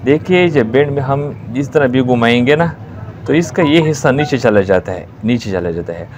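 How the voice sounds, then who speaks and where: A man's voice: medium pitch, lively intonation, moderate pace, darkish tone, a little hiss or hum. A man with a Pakistani Urdu accent giving a hands-on repair tutorial, explaining each step and repeating key words as he works. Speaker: repair technician.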